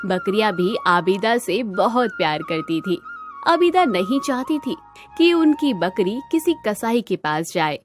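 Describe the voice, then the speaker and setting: A woman narrating a children's moral story in a calm, measured way. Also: medium pitch, faint music behind.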